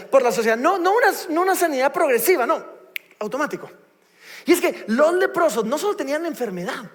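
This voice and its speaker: High-voiced preacher in a reverberant church. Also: male voice. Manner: animated, reads scripture aloud and retells it with humor. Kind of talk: sermon. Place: church sanctuary.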